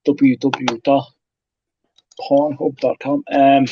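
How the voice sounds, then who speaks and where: A man's voice: medium pitch, dull audio, heavy background noise. A man in casual stream chat who swears constantly, jokes and laughs a lot. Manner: profane, joking, laughs often.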